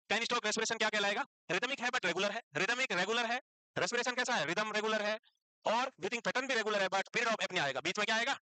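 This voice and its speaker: A man lectures a classroom, teasing and scolding his students as he quizzes them. His voice sits high and rings bright and forceful. The sound is dry and close. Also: clean tone, no room sound, rough recording. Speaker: teacher.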